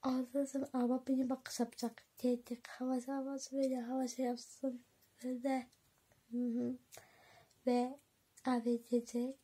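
A woman vlogging casually to her viewers, chatty and excitable, giggling often. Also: high-pitched, unhurried, breathy edge. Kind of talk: casual vlog chat to viewers.

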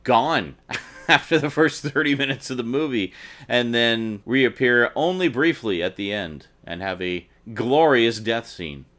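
A man's voice: on the low side, fairly bright tone. A man reviewing an old horror film in a casual, enthusiastic, chatty way, using many filler words.

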